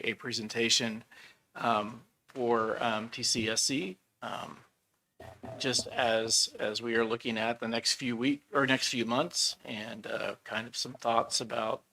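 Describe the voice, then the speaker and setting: A man speaking as superintendent at a board meeting, casual and halting with many ums. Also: medium pitch, vocal fry, sharp tone.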